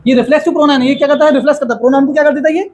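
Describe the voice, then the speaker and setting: A man teaching a grammar lesson to a classroom of students, explaining slowly and asking them questions again and again. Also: extremely high pitch, fairly even intonation, slight background noise, rough recording.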